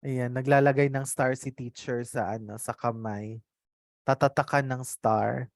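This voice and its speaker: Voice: medium pitch, fairly even intonation, moderate pace, gravelly, no echo. Filipino trainer mixing Tagalog and English, dry sound. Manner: mixes Tagalog and English mid-sentence; frequent tag questions checking on listeners. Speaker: trainer leading an online customer service course. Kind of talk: interactive online lesson.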